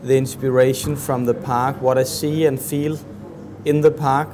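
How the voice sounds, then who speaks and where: A man in his thirties explains a dessert as he plates it, his words slow and careful, with plenty of pauses and filler sounds. His voice sits in an ordinary middle range. Clear kitchen noise hums behind him in the large professional kitchen. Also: mid-range voice, flat delivery. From Denmark. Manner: slow, halting, many fillers. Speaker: chef. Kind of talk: cooking demonstration.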